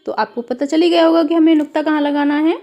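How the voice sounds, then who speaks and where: A woman's voice: high voice, fairly even intonation, quick pace, warm tone, highs cut off, faint music behind. A woman teacher explaining a worksheet to children, spelling words out syllable by syllable and calling her pupils "beta".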